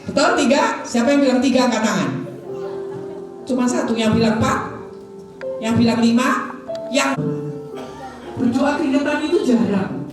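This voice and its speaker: A woman telling a Bible story to children at a Sunday school, lively and full of questions. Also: a little high, normal speed, pauses often. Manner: lively, asks the children questions, acts out voices. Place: large echoing church hall. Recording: echoey hall from far off with music.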